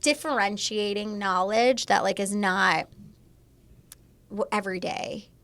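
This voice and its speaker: A woman's voice: medium pitch, a little slow, a bit bright. A woman co-hosting a casual podcast, rambling with lots of fillers. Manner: rambling, filler-heavy talk. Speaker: podcast co-host.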